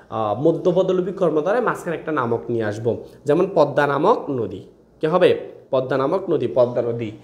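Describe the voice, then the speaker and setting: A man's voice: fairly high pitch, reverberant. A young man teaching an online grammar class in a chatty way, repeating his questions and calling students brother. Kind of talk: online exam-prep class.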